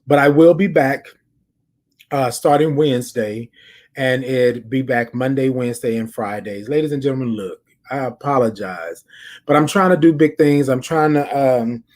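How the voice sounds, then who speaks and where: A medium-pitched, darkish male voice belongs to an American podcast host. His talk is a casual check-in full of stories, delivered straight to the audience, with phrases repeated for emphasis.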